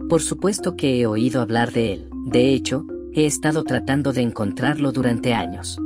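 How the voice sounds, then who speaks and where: A man playing an earnest, lovesick young anime fanatic in an animated comedy. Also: mid-range voice, normal speed, music in the background, close to an everyday voice. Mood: eager.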